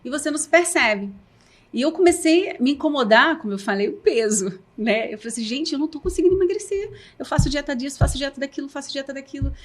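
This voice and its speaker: A woman's voice: sits high, expressive, fast. A woman with a Brazilian Portuguese accent, a podcast guest speaking earnestly and emotionally about her own life, with many restarts. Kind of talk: candid personal talk show conversation.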